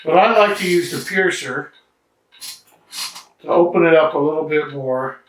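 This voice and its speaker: A man reviews things in a chatty, halting way, stopping often on fillers. His voice sits a bit high. He is indoors in a study, a little back from the mic, and the room echoes strongly around him. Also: distant mic. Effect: strong room echo. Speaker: cigar and drink reviewer. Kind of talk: casual vlog review.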